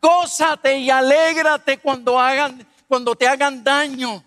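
A man's voice: very high-pitched, takes it slowly, no room sound, studio quality, in a large hall. A man preaching as a pastor, telling personal stories with humor and asking the congregation questions. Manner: animated, humorous, asks the audience questions. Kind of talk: sermon with personal storytelling.

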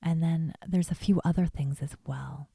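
Whispering woman with a gravelly, dark tone. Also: deep voice, fairly even intonation, normal speed, no echo, studio quality. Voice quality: soft whisper. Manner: gentle, chatty, trails off. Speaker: beauty vlogger. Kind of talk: whispered ASMR beauty tips.

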